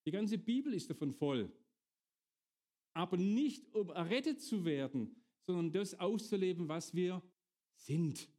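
A man's voice: high-pitched, animated, unhurried, mellow. A middle-aged man preaching a sermon, often turning to his congregation with direct questions.

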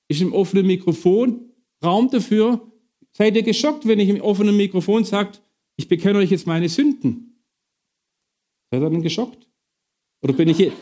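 Lively middle-aged preacher with a mellow voice. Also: male voice, high voice. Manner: lively, asks the congregation questions and banters. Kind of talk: sermon.

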